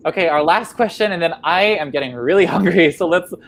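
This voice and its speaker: A woman's voice: lowish voice, fairly quick. A woman hosting a casual online book chat in an informal, slightly hesitant way, often repeating herself. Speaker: book club host. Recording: faint background noise.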